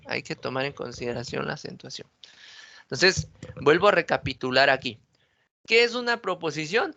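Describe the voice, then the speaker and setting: A man's voice: a little high, gravelly, a bit bright, muffled recording. A man teaching an online logic class, who asks his students questions and then answers them himself.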